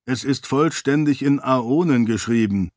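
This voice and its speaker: A man voicing a big, calm, skeptical male friend who questions and protests mildly. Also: mid-range voice, a little slow, no echo, studio quality, close to an everyday voice.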